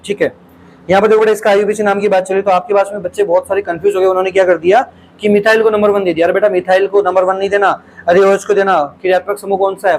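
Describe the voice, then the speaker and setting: Male teacher, rapid exam-solution lecture, repeats answers back as questions, faint background noise. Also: high-pitched, low-quality recording. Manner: calls students "beta", asks and repeats answers.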